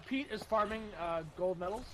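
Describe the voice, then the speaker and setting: A man co-hosting a gaming podcast, talking in an animated, profane way with frequent laughs. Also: high-pitched, creaky, low-quality recording. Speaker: podcast co-host. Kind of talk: casual gaming chat.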